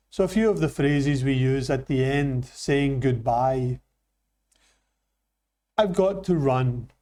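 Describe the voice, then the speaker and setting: A man from Scotland with a Scottish accent, teaching an English lesson with slow, careful delivery. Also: a little high, dark tone. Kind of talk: classroom lesson.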